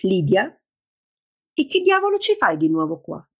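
A woman with a gravelly, husky voice voicing an agitated, impatient young woman in an audiobook. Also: medium pitch, wildly swooping pitch, a little slow, full character voice. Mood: exasperated. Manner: sharp, impatient.

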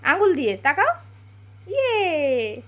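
A woman, a mother, talking to her small child in a home vlog, gently coaxing and mildly scolding. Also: high voice, big pitch swings, takes it slowly.

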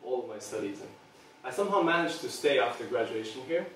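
With quick, lively delivery, this product designer in his thirties from Serbia addresses a small audience earnestly, stumbling into frequent ums. His mid-range voice is a bit bright. The meeting room, recorded from a distance, adds heavy reverb and a little hiss or hum.

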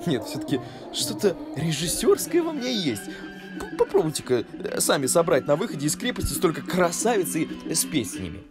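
Lively young man narrating over music. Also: fairly high pitch, moderate pace. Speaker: travel show narrator.

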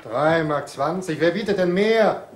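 An actor playing a brisk male auctioneer in an old film, calling out bids in a coaxing, sing-song way. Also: on the high side, expressive. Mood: coaxing, salesmanlike.

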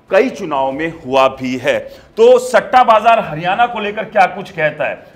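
Man, 30s, high voice, news presenter, animated studio commentary, lapel mic. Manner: animated, gesturing while standing and talking to camera. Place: studio in front of a large screen.

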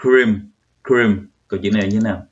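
A young Vietnamese man, a vlogger, gives a casual pronunciation tutorial, chatting away and repeating words as he tests himself. His voice is fairly low and his speed normal. The audio is dull and lo-fi.

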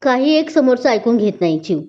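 A woman's voice: a little high, very animated, brisk. A woman voicing a teasing, playful young husband in a spoken story, talking with affection. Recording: dull lo-fi recording.

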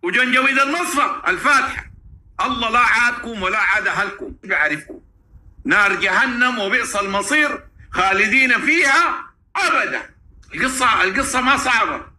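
A man with a Sudanese Arabic accent giving a fervent, celebratory monologue, repeating phrases, taunting and at times shouting. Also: very high voice, animated, a little fast. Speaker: political commentator.

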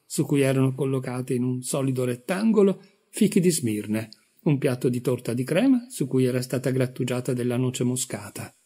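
A man reads a literary story aloud at an unhurried, measured pace. His voice is dark and mellow with a husky edge. The delivery is steady narration. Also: mid-range voice. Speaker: audiobook reader.

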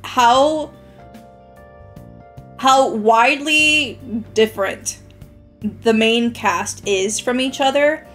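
Young woman gamer, casual chatty commentary, swears freely, slightly high voice, faint game music. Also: drawn-out words, pauses often, a bit bright. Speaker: streamer.

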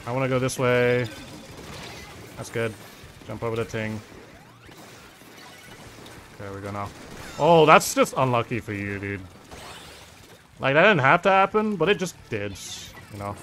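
Playing a game on stream, an Englishman casually responds to viewers' questions, often calling them "dude." He's animated but a little slow, leaving long pauses, in a mid-range, fairly bright voice with a faint hiss or hum.

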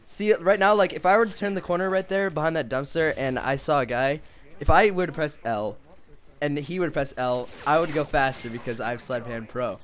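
A teenage boy explaining his own gameplay in a casual commentary, relaxed, with lots of fillers. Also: on the high side, a little fast. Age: teens. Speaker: player explaining his game.

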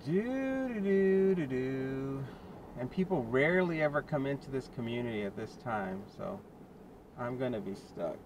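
Speaking to his viewers from behind the wheel, a delivery driver mutters exasperated complaints about his troubles in an expressive, unhurried, mid-range voice. The in-car dash cam picks up car noise behind him.

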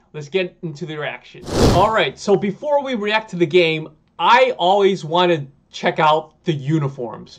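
A man's voice: mid-range voice, muffled recording. A man in his thirties from Hawaii, hosting a casual reaction video from a room at home, talking at a webcam with lots of fillers. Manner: chatty, filler-heavy, excitable. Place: home room with sneaker shelves.

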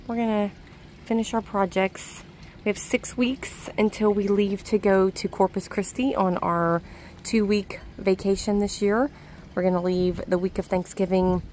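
A woman's voice: mid-range voice, a little mellow, slight background noise. A woman chatting casually to the camera in a vlog, laughing often, recorded outdoors on a docked boat. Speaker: vlog co-host.

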